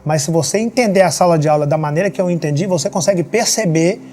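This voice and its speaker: A man's voice: on the high side, fast, darkish tone, a little hiss or hum. A man, a podcast guest telling motivational stories in an emphatic way, full of rhetorical questions. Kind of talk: motivational storytelling. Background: faint background music.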